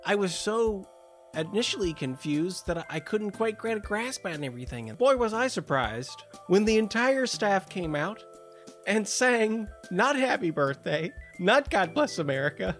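Rambling deadpan comic storyteller, man. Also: high voice, unhurried, faint music behind. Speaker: comedy podcast performer, restaurant reviewer in sketch. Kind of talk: comedic improvised sketch.

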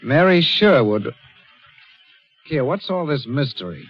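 A man's voice: medium pitch, sing-song, a little slow, husky, faint music behind, full character voice. An actor playing an earnest, agitated young man in 1940s radio drama style. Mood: puzzled, earnest. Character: earnest, anxious young man, worried fiancé. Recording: dull old radio recording.

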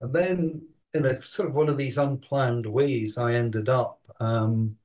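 Guest author: older man, mid-pitch, halting and reflective. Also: fairly even intonation, a little mellow. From Scotland. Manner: thoughtful, halting, many fillers. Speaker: author and researcher. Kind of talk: interview.

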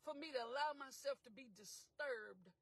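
A woman preacher, giving a motivational sermon with call-and-response, shouting and half-singing. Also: sits high, animated, moderate pace, slightly rough, dry recording.

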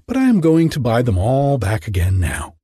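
A man reading aloud and voicing a humble, meek young gardener in a softer, higher voice. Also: huge pitch swings, normal speed, husky, dry recording, clean studio sound, heavily acted.

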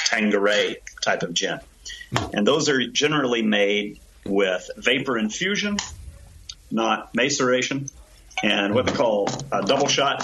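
A man's voice: fairly low pitch, noisy background. A man who owns a distillery, explaining his gin process in a casual interview with an enthusiastic, storytelling manner. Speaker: distillery owner.

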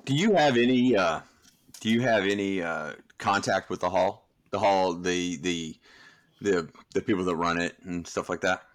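A man's voice: low-pitched, moderate pace, no echo. A man co-hosting a casual podcast, asking long, rambling questions. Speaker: podcast co-host.

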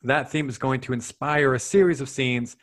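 A man's voice: mid-range voice, normal speed. A man hosting an improv comedy show, bantering casually and explaining how it works.

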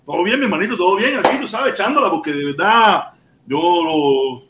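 A Cuban man hosting a casual live stream, talking in an animated, rambling way with lots of repetition and the odd shout. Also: high-pitched, a little fast. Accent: Cuban Spanish. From Cuba. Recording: echoey room with faint noise.

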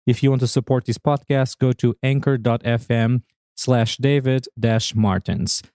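A man's voice: mid-range voice, fairly even intonation, normal speed, dark tone, clear, resonant tone, dry recording. A middle-aged man from Portugal with a Portuguese accent, hosting a podcast interview in an upbeat, playful way. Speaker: podcast host.

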